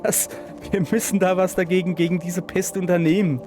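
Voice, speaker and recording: A man's voice: high-pitched, flat delivery, fairly quick. Self-mocking man with a Palatinate lilt. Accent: Palatinate German. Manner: chatty, self-mocking, talks to viewers and the game. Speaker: let's play host. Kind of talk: let's play commentary. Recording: game music playing underneath.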